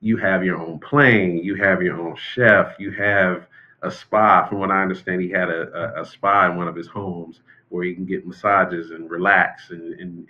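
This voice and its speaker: An American man, a former prison official appearing as an expert guest, explains things in a measured, conversational manner during unscripted interview commentary. His voice sits low and sounds pushed and bright, though the audio itself is dull.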